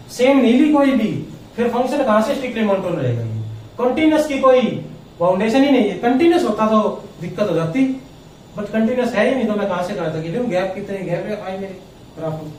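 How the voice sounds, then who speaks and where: A man's voice: extremely high pitch, a little mellow, a little hiss or hum. A male math teacher giving a classroom lecture, explaining step by step and checking often whether students follow. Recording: echoey room, voice from far off.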